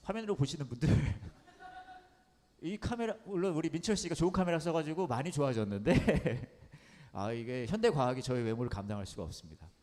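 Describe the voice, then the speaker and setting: Man, pastor, comic sermon storyteller; very expressive pitch; long hall reverb. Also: a little fast. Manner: animated comic storyteller, repeating words for effect. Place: underground church hall.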